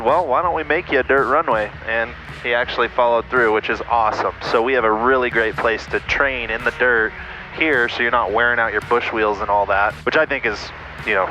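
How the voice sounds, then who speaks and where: A man's voice: lowish voice, noisy background. A man talking casually to viewers as a pilot and host, thinking aloud and narrating what he does in a small plane cockpit. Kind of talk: casual vlog talk to viewers while flying. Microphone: aviation headset.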